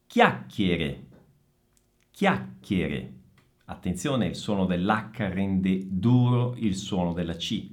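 A man teaching Italian pronunciation, saying each word twice with slow, deliberate care. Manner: lively, expressive pitch. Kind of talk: pronunciation lesson.

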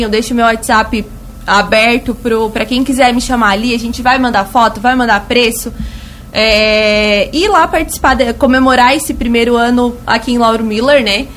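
A woman's voice: a little high, moderate pace, fairly bright tone, slight background noise. A woman with a thin, reedy, slightly cracked voice, chatting colloquially as a store representative promoting her shop in a radio interview. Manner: colloquial, fond of diminutives and emphatic repetition. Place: radio studio.

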